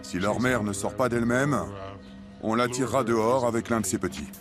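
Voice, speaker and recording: A man's voice: medium pitch, fairly quick, natural voice. A man dubbing a focused wildlife catcher who comments on his work in a documentary. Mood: businesslike. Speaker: animal catcher in a dubbed documentary. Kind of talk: dubbed documentary reality commentary. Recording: music behind the voice.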